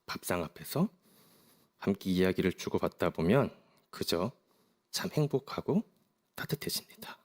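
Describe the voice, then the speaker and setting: A middle-aged man from South Korea, a pastor preaching a sermon in a gentle, reflective storytelling manner. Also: sits low, sing-song, normal speed, pauses often.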